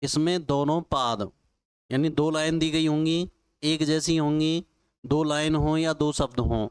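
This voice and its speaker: A man teaching Sanskrit grammar at a very slow, dictating pace, repeating each phrase for students to copy. His voice is smooth and clear, a little higher than most men's, and sits in a dry, close recording. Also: dry recording. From Rajasthan, India. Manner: slow, repetitive dictation with folksy examples. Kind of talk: classroom lecture, dictating notes.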